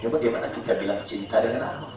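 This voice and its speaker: A man preaching a sermon, firing mocking rhetorical questions at his listeners and jumping high in pitch when he scolds. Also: fairly even intonation, rapid-fire, crowd noise. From Malaysia. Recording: very echoey hall, far from the mic.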